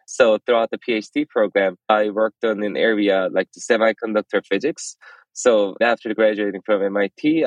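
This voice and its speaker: A man's voice: on the low side, no room sound, low-quality recording. A man from South Korea, a startup founder answering interview questions earnestly. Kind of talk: podcast interview.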